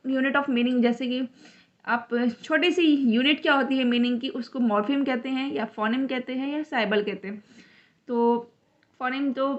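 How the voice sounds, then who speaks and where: A woman teaching an online exam-prep lesson, explaining each question step by step and reading the English question text out slowly. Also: sits high, a bit bright, lo-fi sound. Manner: explains step by step, mixes English terms into Hindi.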